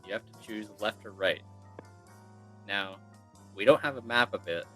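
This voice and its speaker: A man's voice: lowish voice, moderate pace, sharp tone, soft background music. A man at a tabletop game, talking in a casual, offhand way. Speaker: player.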